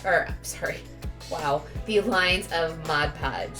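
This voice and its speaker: Speaking slowly in a low voice, a woman narrates a chatty, casual craft tutorial. She has a cold that makes her sniffly, she frequently corrects herself, and music plays in the background.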